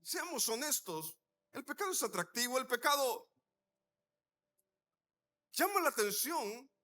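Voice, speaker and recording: A man's voice: very high-pitched, big pitch swings, measured pace, bright, forceful tone. A man preaching a sermon, telling a story with acted-out dialogue and asking the congregation rhetorical questions.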